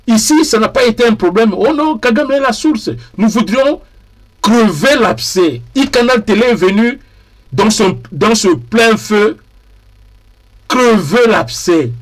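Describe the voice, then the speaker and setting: A TV political commentator from DR Congo speaks in a high, animated voice. He is deliberate and emphatic, repeating key phrases to give them weight.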